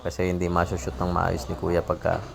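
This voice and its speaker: A woman's voice: a bass voice, completely flat delivery, fairly quick, gravelly, crowd noise. A woman giving chatty, joking voice-over commentary on her own footage as a vlogger. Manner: chatty, joking, self-praising. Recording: noisy background.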